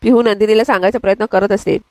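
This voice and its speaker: A woman narrates a recap of a television serial, moving briskly through the story and reading quotes plainly. She talks fast in a dry, close sound. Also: mid-range voice, steady tone, darkish tone, no echo.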